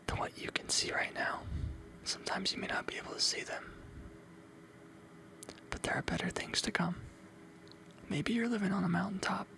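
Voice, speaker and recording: An ASMR host whispers encouragement in a breathy, unvoiced voice, repeating motivational phrases over and over. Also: medium pitch, a bit bright.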